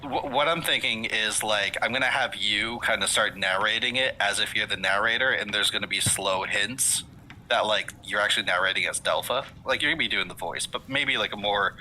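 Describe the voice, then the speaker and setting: A man's voice: on the low side, a little fast, pushed and bright, slight background noise, rough recording. A man running a tabletop game and chatting casually with his players on a voice call, rambling with lots of fillers and self-corrections while hiccuping. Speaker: game master. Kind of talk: casual session-zero chat with players.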